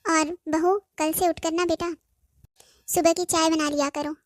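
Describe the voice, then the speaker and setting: A woman voicing a gentle, coaxing mother-in-law. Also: very high voice, flat delivery, unhurried. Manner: soft, coaxing, says "beta" often. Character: patient, gently firm middle-aged mother-in-law. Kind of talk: cartoon voice acting.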